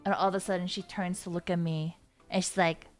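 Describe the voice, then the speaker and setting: A young woman streamer telling a story animatedly, laughing and swinging between hushed whispers and squeals. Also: lowish voice, little pitch movement, fairly quick, faint music behind. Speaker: vtuber streamer.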